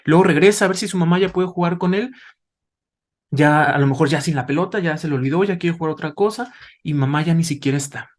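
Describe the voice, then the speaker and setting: A man's voice: a little high, fast. Didactic man explaining to parents. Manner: didactic, asks rhetorical questions, tags with "¿vale?". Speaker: doctor, invited expert.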